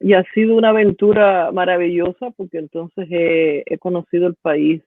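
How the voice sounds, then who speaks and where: A middle-aged Cuban woman with a Cuban Spanish accent, a professor speaking as an interview guest, thoughtful and halting with many restarts. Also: fairly low pitch, fairly even intonation, no room sound. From Cuba. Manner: thoughtful, with frequent restarts and hesitations. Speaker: guest, university professor and poet. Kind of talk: reflective storytelling interview. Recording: tinny phone-like dry line.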